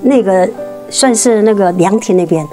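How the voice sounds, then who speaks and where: A woman tells her faith testimony in an earnest, halting way, restarting and repeating words and climbing higher when the story gets tense. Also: mellow, faint music behind. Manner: rises sharply in pitch at tense moments. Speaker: guest sharing a faith testimony. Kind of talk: emotional personal storytelling.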